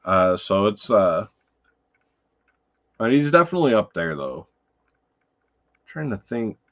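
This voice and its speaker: A man's voice: on the low side, very animated, takes it slowly. Rambling, profane lo-fi livestream man. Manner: rambling and profane, full of fillers. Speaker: livestream host. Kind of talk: casual livestream chat about films.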